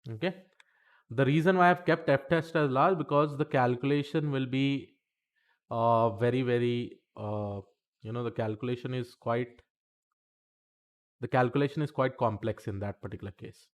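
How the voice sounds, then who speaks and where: A man teaches statistics in a live-streamed lesson, his medium-pitched voice moving at a moderate pace. He's chatty, addresses the chat between points, and says "okay" a lot.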